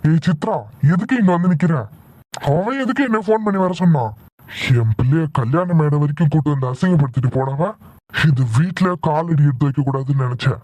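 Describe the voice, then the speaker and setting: A man's voice: on the high side, a little fast, a little mellow, no room sound, natural voice. A man voicing a stern, worried middle-aged father in a cartoon. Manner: stern, demanding. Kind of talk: cartoon voice acting.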